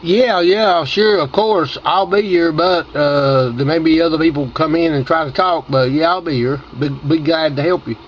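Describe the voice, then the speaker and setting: Male radio hobbyist host, casual chat, somewhat high voice, slightly muffled and lightly noisy recording. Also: moderate pace, hardly any pauses. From Tennessee, United States. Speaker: amateur radio operator and video host. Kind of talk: casual ham radio chat and video commentary. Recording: dull audio with faint noise.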